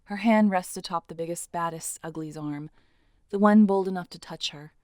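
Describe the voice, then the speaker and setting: A woman with a lowish, slightly mellow voice narrates a scripted audio drama at a moderate pace, telling the story dramatically. The sound is clean studio quality with no room sound.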